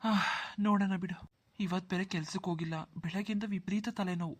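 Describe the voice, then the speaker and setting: A man's voice: sits high, fairly even intonation, brisk. A man voicing a poor, anxious young village brother in a cartoon, who talks in a pleading, self-pitying way. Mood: worried. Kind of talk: Kannada cartoon dubbing.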